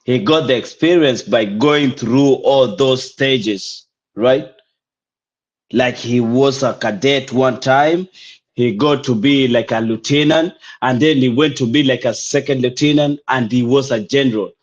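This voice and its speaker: A dull, lo-fi recording of a young Kenyan man in casual conversation. His voice sits at a medium pitch, and he explains things in slangy, code-switching speech. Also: unhurried. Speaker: caller, army corporal. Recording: dull, lo-fi online call audio.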